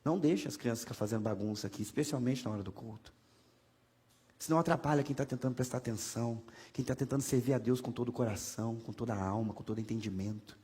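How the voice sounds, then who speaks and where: Speaking fast in a dark, slightly rough voice of medium pitch, a pastor with a Brazilian Portuguese accent delivers a sermon in a church sanctuary. It's conversational and full of humor and rhetorical questions, recorded with the church's long hall reverb.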